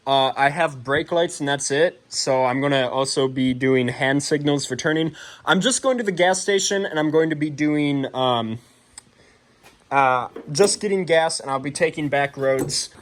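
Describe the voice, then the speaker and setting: A man's voice: on the high side, normal speed. Chatty young man in his garage. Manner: chatty, self-deprecating, excitable, many fillers. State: out of breath. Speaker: car builder vlogger. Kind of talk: casual vlog narration.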